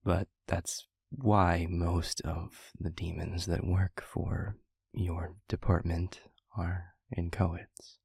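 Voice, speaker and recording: A man performs an exaggerated voice for a gentle demon in an intimate audio roleplay, reflective and earnest in mood. He speaks low and even, very breathy, husky and half-whispered, in soft, measured phrases that pause as he thinks. The recording is dry and studio quality.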